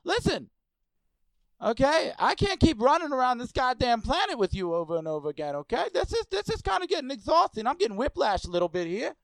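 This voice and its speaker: A man's voice: very high-pitched, wildly swooping pitch, a little fast, gravelly, fairly bright tone, no room sound, voice pushed up, full character voice. A man voicing a rambling, spaced-out old stoner oddball making a prank phone call. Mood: exasperated, spaced-out.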